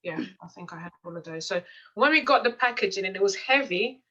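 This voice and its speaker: This lo-fi clip is a relaxed testimonial interview featuring a life coach and client. The speaker, a Portuguese-speaking woman from Mozambique, has a bright, clear, middle-range voice and tells stories chattily, often restarting and filling gaps with "um" and "uh."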